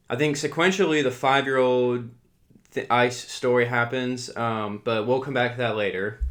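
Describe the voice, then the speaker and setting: A young man holds forth on his own commentary podcast in a loose, ranting manner, his sentences stumbling through repeated "like" fillers. Now and then he reads a news passage aloud before jumping back into his own take. His voice sits at an ordinary middle pitch for a man. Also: a bit bright. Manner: ranting, heavy use of "like" fillers. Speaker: podcast host.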